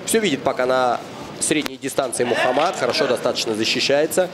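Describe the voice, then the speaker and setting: A man's voice: medium pitch, animated, brisk, crowd noise. A man giving live, analytical boxing commentary as a co-commentator. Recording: loud arena noise behind the voice.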